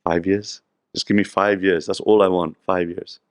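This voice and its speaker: A man's voice: deep voice, flat delivery, normal speed, clean tone, dry recording, natural voice. A man voicing a reluctant middle-aged family man who pleads and bargains for more time. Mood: pleading.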